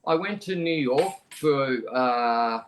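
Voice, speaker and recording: Taking his time, a middle-aged Australian man relates a personal story on a podcast with medium pitch and lively intonation, while a little hiss or hum sits in the recording. His talk is frank, conversational and plain, with many restarts.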